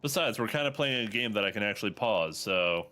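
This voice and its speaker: A man's voice: lowish voice, lively intonation, fairly quick, bright, forceful tone. A man streaming a video game, informally thinking aloud and talking to his chat. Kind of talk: casual livestream gameplay commentary, talking to chat.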